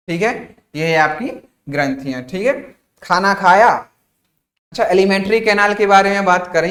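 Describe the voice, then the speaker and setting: Male teacher, explains step by step, fairly high voice. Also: fairly bright tone, roomy sound. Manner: explains step by step, repeats "ठीक है", asks then answers his own questions; jokes with students, calls them "भाई साहब". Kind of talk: exam-prep science lecture.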